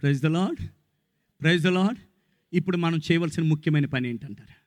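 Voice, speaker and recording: A male pastor preaching a sermon at a gospel meeting, questioning the crowd and swinging from shouted lines to low, quiet ones. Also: fast talker, in a large hall. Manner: call-and-response preaching, swings between shouts and low murmurs.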